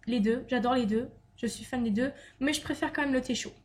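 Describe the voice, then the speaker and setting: High-voiced chatty young Frenchwoman. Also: fairly quick, darkish tone. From France. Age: young adult. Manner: chatty, many fillers and restarts. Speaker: beauty vlogger. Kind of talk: casual Q&A tag vlog.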